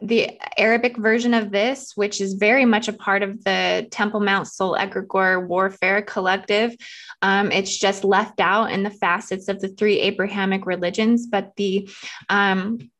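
A woman hosting her own spiritual video channel, talking quickly and excitedly with lots of ums. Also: mid-range voice. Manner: rapid, excited, many ums. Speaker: channel host. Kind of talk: casual spiritual vlog talk.

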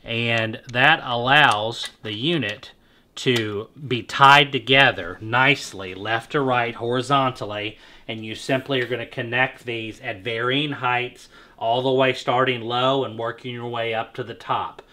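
A male host in his thirties runs a casual indoor product demonstration, explaining along the way with fillers and restarts. His mid-range voice is bright and forceful, a little slow, with fairly even intonation, and the bare-walled showroom gives an echoey sound.

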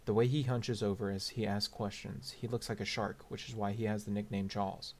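A man narrating an audiobook in a measured, steady reading. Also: fairly low pitch. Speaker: audiobook reader.

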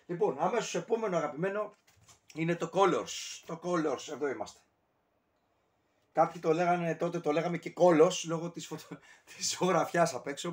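A man casually ranking albums on camera, talking in a rambling, digressive way with many fillers and self-corrections. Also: fairly high pitch. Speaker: music reviewer.

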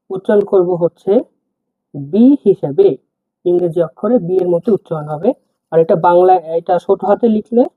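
A teacher giving a slow, step-by-step language lesson, saying each word several times. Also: medium pitch, breathy edge, no echo. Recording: muffled phone-like dry sound.

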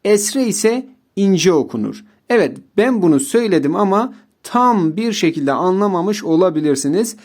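A man teaching Quran reading in a recorded lesson, explaining rules and reciting practice words slowly, often addressing his viewers as dear friends. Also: on the high side, darkish tone.

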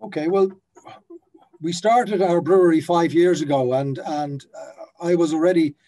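The audio is poor as a Netherlands-raised brewery founder in his 50s speaks on a video call through a laptop webcam, his office brand banner behind him. His warm voice is on the high side and unhurried, though he hesitates, filling gaps and restarting often.

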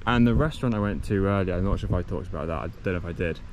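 Out on a sunny coastal path during a cycling trip, a young man rambles to an action camera held at arm's length, correcting himself as he goes in a casual vlog. His low voice races and is slightly mellow, over slight background noise.

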